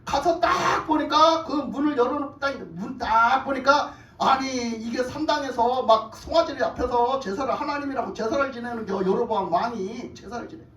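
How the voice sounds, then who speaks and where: A woman's voice: high voice, moderate pace, hardly any pauses, a bit bright, roomy sound, recorded from a distance, poor audio. A woman preacher telling a Bible story in a colloquial sermon, often asking the congregation questions. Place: church hall.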